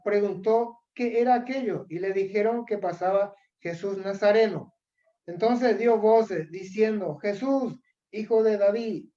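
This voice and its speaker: A woman with a Paraguayan accent preaching a sermon. She speaks earnestly, keeps calling her listeners brother, and often clears her throat. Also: medium pitch, warm tone. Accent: Paraguayan Spanish. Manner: earnest, repeatedly addresses listeners as "hermano", frequent throat clearing. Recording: dull lo-fi recording.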